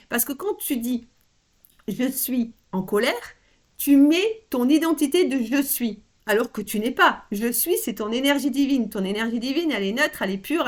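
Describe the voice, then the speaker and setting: Chatty, expressive older woman coach. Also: fairly high pitch. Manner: chatty and expressive, frequent restarts, addresses listener directly. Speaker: personal development coach. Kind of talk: casual spoken workshop talk.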